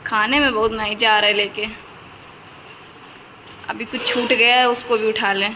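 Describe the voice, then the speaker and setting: A woman's voice: a little high, flat delivery, a little slow, long reverb tail, noisy background. A woman casually narrating a home vlog of her toddler, chatting to viewers and cooing at the baby. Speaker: vlogger filming her toddler. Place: home, indoors.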